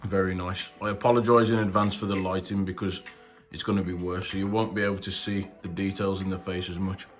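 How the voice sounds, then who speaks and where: A man's voice: low voice, flat delivery, brisk, faint music behind. A man hosting a casual, chatty action figure review, talking informally and full of superlatives. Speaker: YouTube toy reviewer and channel host.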